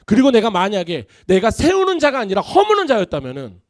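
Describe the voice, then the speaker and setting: A man's voice: high voice, wildly swooping pitch, quick pace, dry recording, clean studio sound. A pastor preaching a Sunday sermon, telling stories and acting out his friends' voices.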